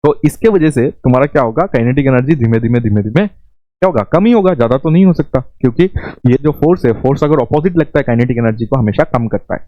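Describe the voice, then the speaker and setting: Male tutor, coaxing and repetitive, dry muffled recording, mid-pitched. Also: no room sound. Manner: coaxing, repetitive, mixes English terms. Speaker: physics teacher. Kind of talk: Hindi-English exam lesson.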